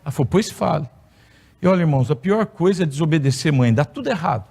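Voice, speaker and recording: A Brazilian man, middle-aged and with a rather high voice, preaches from the pulpit of a church. He tells a personal story with a playful, humorous touch. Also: animated, fast talker, gravelly, darkish tone, husky. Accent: Brazilian Portuguese. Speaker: pastor. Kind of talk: sermon testimony. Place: church hall.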